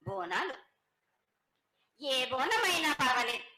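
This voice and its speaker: Woman, prophetic trance voice, high and bright, incantatory repetitive oracle pronouncements. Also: very animated, slow, roomy sound. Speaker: oracle at a temple festival.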